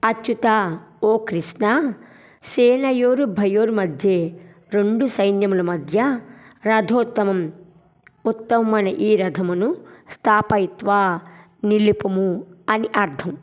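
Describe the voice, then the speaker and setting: A woman teaching scripture verses, chanting each line slowly and repeating it, then breaking hard words into syllables. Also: medium pitch. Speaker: Gita recitation teacher. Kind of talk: slow sloka chanting and pronunciation lesson.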